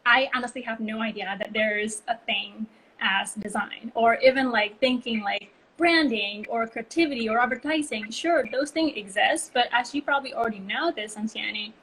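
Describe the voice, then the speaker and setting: This Balinese woman, who co-founded a brand consultancy, is a guest on a casual interview via video call, spinning stories full of "um" and "like." Her pitch is fairly high, her pace moderate, her tone a bit bright. There's a little hiss or hum, and the audio quality is poor.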